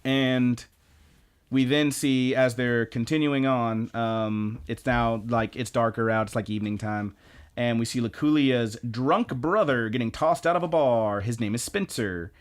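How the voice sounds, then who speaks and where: A man co-hosting a podcast, casually recapping anime episodes in a rambling, animated way and jumping into excited voices for quoted lines. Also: medium pitch, a little slow, smooth. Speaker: podcast co-host.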